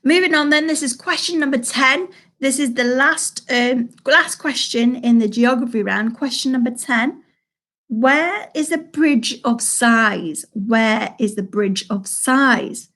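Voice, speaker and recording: Woman, quiz host, chatty, slow repeated questions, fairly high voice, streaming from home. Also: a bit bright. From Salford, England. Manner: chatty, reads questions slowly and repeats them. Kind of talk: live-streamed pub quiz hosting.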